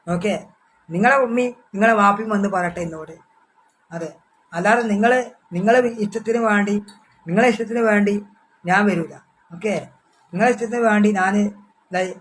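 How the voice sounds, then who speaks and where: A man with a Malabar Malayalam accent talks casually to his fans on a livestream, in a voice pitched high for a man. He speaks of himself in the third person, circles back over the same phrases and breaks off words to restart them. A faint noise sits under the voice. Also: a bit bright, low-quality recording. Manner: repetitive, halting, with many restarts. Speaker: social media personality.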